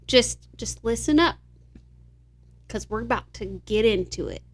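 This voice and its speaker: A woman's voice: on the high side, expressive, measured pace. A woman co-hosting a casual podcast, upbeat and explaining exercise tips. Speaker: podcast co-host.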